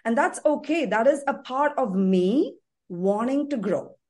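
A woman's voice: fairly high pitch, lively intonation, a little slow, darkish tone. A woman therapist in a podcast conversation, talking earnestly and repeating phrases for emphasis.

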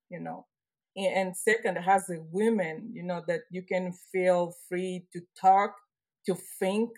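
Woman, middle-aged, Angolan accent, slightly low voice, earnest podcast guest with halting second-language phrasing. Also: a little mellow. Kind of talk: conversational interview answers.

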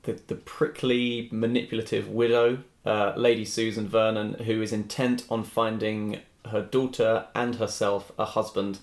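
Man, podcast host, casual film talk, halting phrasing, echoing room. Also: lowish voice, little pitch movement. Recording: roomy, echoing room sound.

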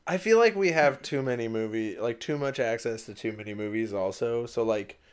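A man hosting a casual podcast chat, animated and quick to laugh, often restarting his sentences. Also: medium pitch, clear, resonant tone. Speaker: podcast host.

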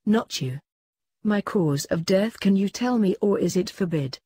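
A woman playing a frightened actress who faces death, in a solemn, measured dramatic verse reading. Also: mid-range voice, animated, warm tone, slightly rough, dry recording, clean studio sound. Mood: distressed. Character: Vivienne, frightened actress facing her death.

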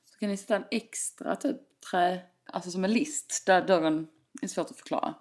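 A woman's voice: lowish voice, a little mellow. A young woman in casual chat, full of fillers and quoted exchanges. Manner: chatty, frequent fillers, acts out quoted exchanges.

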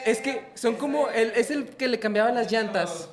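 A man's voice: very high voice, animated, moderate pace, a crowd in the background. A man with a Mexican accent, co-hosting a casual podcast chat, insistent and emphatic, swearing freely. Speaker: podcast co-host.

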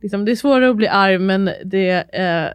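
A woman in her thirties talks on a podcast in a lively, laughing way and drops English phrases into her Swedish. Her voice sits at a middle pitch. The recording is dry and close. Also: clean tone, no echo. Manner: animated, laughing storyteller, mixing in English phrases. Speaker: podcast co-host. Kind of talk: casual chat.

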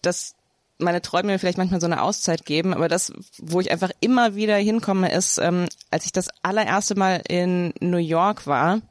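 A woman's voice: on the low side, moderate pace, few pauses, dry recording. A woman co-hosting a podcast, telling stories in casual chat, rambling with lots of fillers. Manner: rambling storyteller with many fillers. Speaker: podcast co-host.

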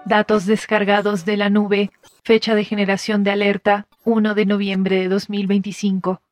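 A woman voicing a female computer system reading out data in a flat, robotic manner. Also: medium pitch, lightly acted.

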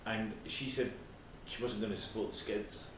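A man's voice: fairly low pitch, steady tone, normal speed, a bit bright. A middle-aged man co-hosting a podcast in natural, unscripted, rambling casual chat about music. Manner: rambling, conversational. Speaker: podcast co-host. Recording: very echoey room, distant mic, faint noise.

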